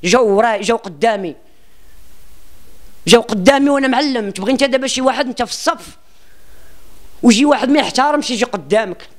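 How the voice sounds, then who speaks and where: A man with a Moroccan accent talks about himself in a boastful, rambling way. His voice sits very high for a man, and he speaks quickly, cutting off words and starting them again. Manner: boastful and rambling, with frequent restarts. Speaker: self-described singer being interviewed. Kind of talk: casual interview talk.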